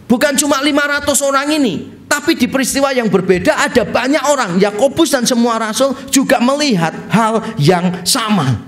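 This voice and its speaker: A middle-aged pastor from Indonesia delivers an expository sermon with a high voice. He tells stories in a lively way, his pitch swinging wide. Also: normal speed, few pauses.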